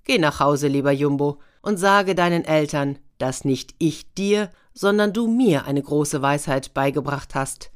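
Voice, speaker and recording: A wise, gentle old hermit from a children's tale, speaking calmly and with quiet wonder, as a woman reader puts him on. The voice stays low and close to the reader's own. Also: unhurried, hardly any pauses. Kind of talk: children's story reading.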